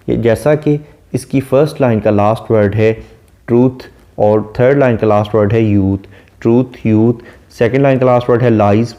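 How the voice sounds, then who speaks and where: A man giving a literature lecture, reading English verse lines slowly and then explaining each one. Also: mid-range voice, dark tone. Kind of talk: lecture explaining a poem line by line.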